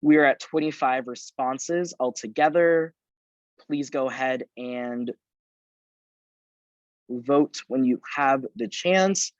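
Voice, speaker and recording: A man chairing a formal student meeting over a video call, making measured procedural announcements. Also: mid-range voice, no room sound. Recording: dull lo-fi video call audio.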